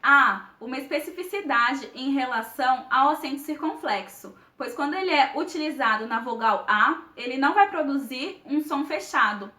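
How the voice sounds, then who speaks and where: A young woman with a Brazilian accent explains grammar in a clear, deliberate teacher's voice. Her voice is high and bright. The room around her echoes. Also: animated. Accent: Brazilian Portuguese. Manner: clear, deliberate, stretches example words slowly. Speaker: Portuguese teacher. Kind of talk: grammar lesson.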